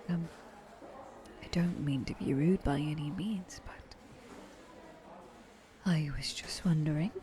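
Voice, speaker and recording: This ASMR performer voices a wealthy vampire woman of great age, her manner coy as she coaxes the listener like a patronizing, flirtatious mentor. Her voice is low, very mellow, and soft at the edges, and she slips intimately into breathy whispers again and again. Background noise is clearly audible.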